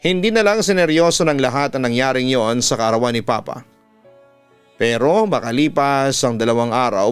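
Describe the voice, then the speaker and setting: This storytelling host, a radio announcer with a Filipino accent, reads a horror letter from a listener over a music bed. His voice is smooth and mid-range.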